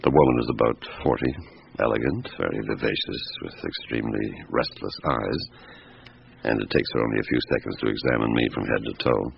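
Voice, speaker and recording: A man's voice: very deep voice, brisk, vocal fry, slightly rough, heavily acted. A man playing a laconic, understated, middle-aged police chief inspector in a radio drama. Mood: wry observation. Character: Maigret, weary, reflective French police chief inspector. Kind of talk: radio drama acting with first-person narration. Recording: dull, lightly hissy old radio recording.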